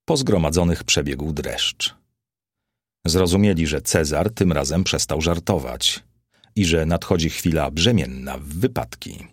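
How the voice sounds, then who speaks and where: A man narrating a historical novel as an audiobook, reading in a measured, even way. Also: extremely low pitch, husky, no room sound, clean studio sound.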